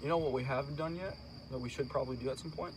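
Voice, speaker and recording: A young man chats casually with chewing tobacco tucked in his lip. His voice is medium in pitch and he swears freely while reviewing. There is faint insect-like noise in the background. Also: racing. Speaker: amateur product reviewer. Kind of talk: casual chat, profane.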